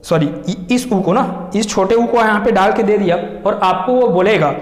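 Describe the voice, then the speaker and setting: A man's voice: sits high, moderate pace. A young man teaching a class, asking questions and answering them himself and stretching sounds to show them. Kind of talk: explaining a lesson to students. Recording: echoey classroom with long reverb.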